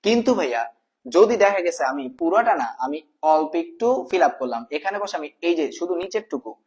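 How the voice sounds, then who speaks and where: Repetitive math tutor, slightly high. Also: male voice, expressive, fairly quick, darkish tone. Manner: repeats terms as questions to the viewer, calling them brother. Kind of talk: casual spoken lesson.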